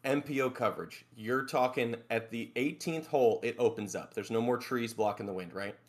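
A man guests on a casual sports podcast, laying out a long explanation at a middle pitch. He keeps checking in with his listeners as he goes. He sounds relaxed and talkative. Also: moderate pace. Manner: explanatory storyteller, tags lines with "right?".

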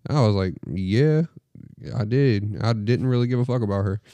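A man's voice: fairly low pitch, steady tone, fast, warm tone, no room sound. A young man co-hosting a podcast, trading blunt, crude banter with lots of swearing in casual chat. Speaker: podcast co-host.

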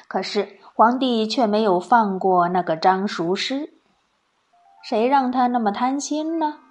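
A woman reads a children's story aloud slowly and expressively. Her voice sits a bit high. Faint glockenspiel music plays softly behind her.

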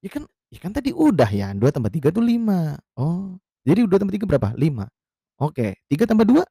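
A man with a husky voice and vocal fry speaks fairly quickly in a dry, clean studio recording. Telling a story in casual slang, he's animated and exasperated, acting out quoted lines with a raised pitch.

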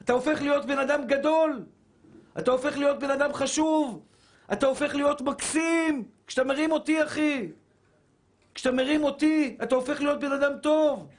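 A man preaching a Torah sermon as a rabbi, fervent and shouting, repeating phrases for emphasis and calling listeners his brothers. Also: very high-pitched, steady tone. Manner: addresses listeners as brothers and dear souls.

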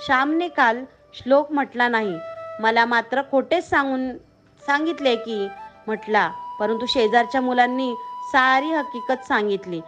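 A woman's voice: a little high, measured pace, fairly bright tone, faint music behind. A woman voicing a stern but loving village mother who speaks firmly and scolds. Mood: complaining. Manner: firm, scolding.

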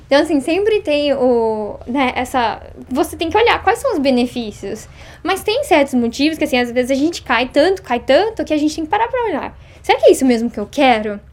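A woman in her thirties from Brazil, chatting as an interview guest, talking fast and acting out little quoted exchanges. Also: high-pitched, sing-song. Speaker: interview guest, Japanese teacher. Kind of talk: casual interview chat.

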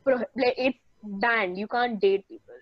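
A young woman talks in an animated, casual way, leaning on "like" between her thoughts. Her voice sits a bit high, and the recording is dry and slightly dull. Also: a little slow, no room sound. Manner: animated, says "like" a lot. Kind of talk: casual chat.

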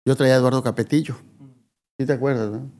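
A man's voice: medium pitch, steady tone, fast talker, warm tone. Rambling older man reminiscing. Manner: rambling storyteller, trails off and restarts. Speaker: guest, father of the host. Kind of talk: casual reminiscing chat.

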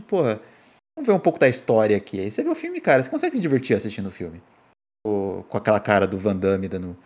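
A man co-hosting a podcast in casual chat, relaxed and quick to laugh. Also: medium pitch, husky. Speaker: podcast co-host.

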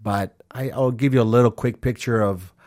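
This is a forties-aged podcast host, Honduran-born and Minnesota-raised, delivering a loose solo monologue that wanders earnestly and is packed with fillers and false starts. He speaks at medium pitch and normal speed with a slightly dark timbre. The studio recording is dry.

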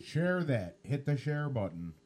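A man's voice: mid-range voice, sing-song, unhurried, a little mellow. A man co-hosting a live podcast, joking crudely and swearing freely in casual banter. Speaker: co-host.

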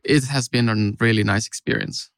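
Relaxed Mexican man recounting his path. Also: mid-range voice, a little fast, creaky, no room sound. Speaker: consultant, podcast guest. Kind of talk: casual interview storytelling.

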